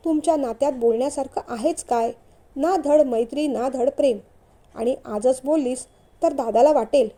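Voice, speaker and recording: A woman voicing a calm, supportive young man who reassures his sister-in-law in a storybook reading. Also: high voice. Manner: gentle, reassuring.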